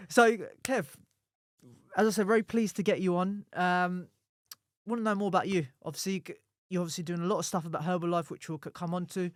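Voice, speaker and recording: Man, podcast host, high voice, casual chatty interviewing, dry recording. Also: steady tone, a little fast, dry recording.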